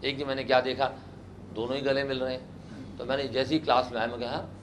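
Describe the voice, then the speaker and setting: A man's voice: mid-range voice, quick pace, noisy background. A man teaching a spoken English class, quizzing students and having them repeat words. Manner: animated, asks the class questions and has them repeat words.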